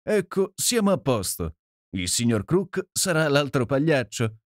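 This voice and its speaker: A man reading an audiobook and voicing a boisterous, jovial Canadian gentleman with a hearty, exclamatory manner. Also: medium pitch, very animated, a little slow, dry recording, voice pushed up. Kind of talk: audiobook character voice. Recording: dry close sound.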